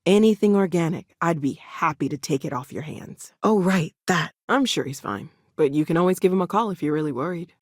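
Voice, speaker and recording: A woman's voice: fairly low pitch, lively intonation, brisk, few pauses, no echo, clean studio sound. A woman acting an earnest, curious and wry scientist in a video game, talking in a hesitant, thoughtful, natural way. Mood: conversational.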